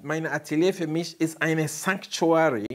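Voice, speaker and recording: A man from Nigeria with a Nigerian accent, a barber and painter, answering interview questions in halting German and searching for words. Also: fairly high pitch, fairly even intonation, soft background music.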